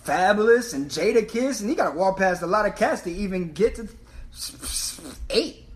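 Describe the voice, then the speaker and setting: A high-pitched man co-hosts a casual chat. He is loudly opinionated, ribbing people and challenging their picks in slangy, profane language. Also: animated, normal speed. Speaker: podcast co-host.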